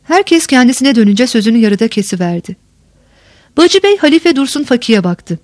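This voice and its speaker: A woman narrating a historical novel in a measured storytelling manner. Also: a little high, sing-song, darkish tone, dry recording, studio quality. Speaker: audiobook narrator. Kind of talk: audiobook reading of a historical novel.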